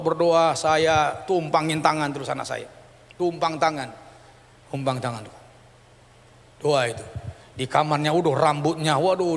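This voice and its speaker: Middle-aged male pastor, fairly high gravelly voice, animated sermon testimony, long church-hall reverb. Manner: animated storytelling, acting out dialogue. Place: church sanctuary.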